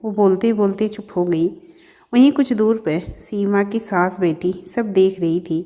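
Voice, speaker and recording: A woman's voice: mid-range voice, measured pace, dark tone, big-room sound. A woman telling a family story in scripted narration, speaking to her listeners as friends. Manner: reads all characters in her own voice, addresses listeners as friends.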